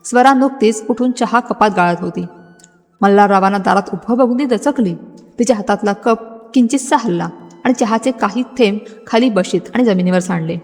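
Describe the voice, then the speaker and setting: A woman narrating a scripted, dramatic story in a steady storytelling manner. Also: mid-range voice, moderate pace. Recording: music bed, long hall reverb.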